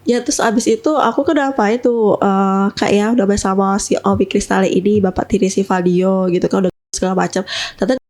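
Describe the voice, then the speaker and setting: A woman's voice: mid-range voice, fairly even intonation, fast talker, darkish tone. A young woman casually telling a personal story to an interviewer, chatty and full of little tag words. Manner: chatty, often adds tag words and addresses the listener as sister.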